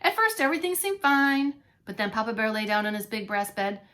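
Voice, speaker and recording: Animated woman reading a children's story. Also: fairly high pitch, a little fast. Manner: animated, with playful asides to young listeners. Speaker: preschool teacher reading a story aloud. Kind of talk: expressive children's read-along narration.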